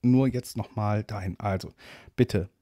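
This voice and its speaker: A man's voice: lowish voice, a little slow, dark tone, dry recording, clean studio sound. A middle-aged man hosting a casual coaching podcast, talking bluntly and directly to the listener.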